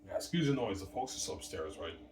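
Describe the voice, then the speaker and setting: Man, 30s, deep and rambling home vlogger, swears a lot, distant mic in a boomy room with background noise. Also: big pitch swings, fast, reverberant. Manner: meandering, casual, swears, argues with absent people. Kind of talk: late-night rambling monologue. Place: room at home, family upstairs.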